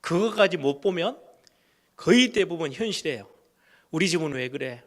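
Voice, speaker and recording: Animated man preaching a sermon. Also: normal speed. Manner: storytelling, acts out quoted voices of kids and parents; wide swings between loud emphatic and hushed low phrases. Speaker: pastor.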